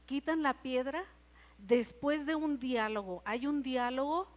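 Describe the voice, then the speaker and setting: A woman's voice: high voice, measured pace. A woman with a Mexican accent preaching a Sunday sermon in church. She retells scripture and keeps asking the congregation questions. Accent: Mexican Spanish. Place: church service.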